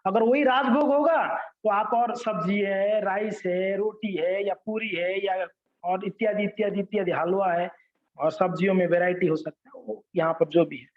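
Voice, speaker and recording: A high-voiced man gives a devotional lesson and tells stories in an animated, conversational way. His voice sits high, and the recording is dull and roomy. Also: moderate pace. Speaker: devotional teacher.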